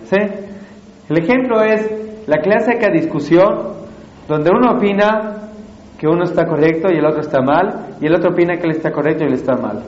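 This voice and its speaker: A man's voice: a little high, moderate pace, darkish tone. A man teaching a class, explaining step by step and checking in with his listeners with frequent questions. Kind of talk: classroom lecture. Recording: roomy, dull lo-fi recording.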